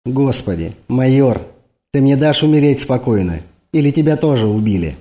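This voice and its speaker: A man reading an audiobook, voicing a wounded, sharp-tongued wife who answers curtly and sarcastically. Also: mid-range voice, animated, moderate pace, close to an everyday voice. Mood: weary sarcasm. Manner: curt and sarcastic.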